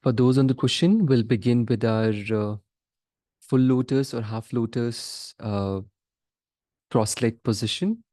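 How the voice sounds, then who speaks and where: Short, measured phrases with pauses between them make up this guided meditation led by a male teacher. His mid-range voice is mellow, captured as clean studio sound without any room sound.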